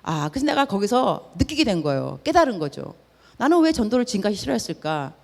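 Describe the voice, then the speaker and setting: A woman's voice: medium pitch, fairly quick, creaky, big-room sound. A woman missionary telling stories in a sermon, acting out the dialogue and dropping in English words. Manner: lively, acts out dialogue, drops in English words. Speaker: missionary preacher. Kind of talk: storytelling sermon.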